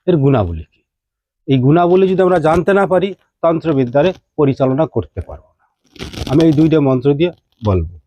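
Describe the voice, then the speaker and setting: A man's voice: on the high side, expressive, normal speed, long pauses, dark tone, slight background noise. A man, teaching mantras. He chants verses in a rising singsong and keeps asking his listeners questions. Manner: addresses listeners directly with rhetorical questions. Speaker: tantric teacher. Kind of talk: devotional teaching talk.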